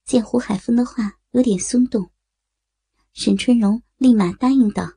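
A woman narrating a story at an unhurried pace. Her voice is mellow and slightly breathy, and it sounds dry and close. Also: on the high side, no echo.

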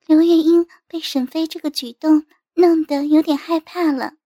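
Woman reading a story out, steady and even, high voice, dry close mic. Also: moderate pace, no echo. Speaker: narrator. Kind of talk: scripted narration.

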